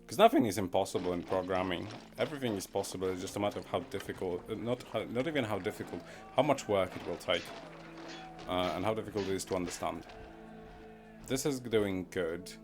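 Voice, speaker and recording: A man's voice: low voice, fast talker. A man casually commenting as he plays a game on a live stream, rambling and muttering to himself and chuckling at his own wordplay. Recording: background music under the voice.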